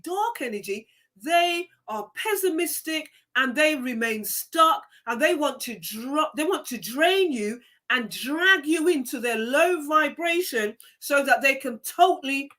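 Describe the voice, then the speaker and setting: Female live-stream host, Jamaican accent, high and bright voice, preachy and emphatic, repeats her points. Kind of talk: motivational live-stream talk.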